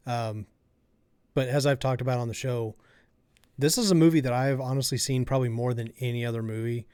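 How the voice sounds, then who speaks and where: A man co-hosting a podcast, telling a relaxed story with lots of fillers. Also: medium pitch, fairly quick, smooth, no room sound. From Kansas City area. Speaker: podcast co-host. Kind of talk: casual chat.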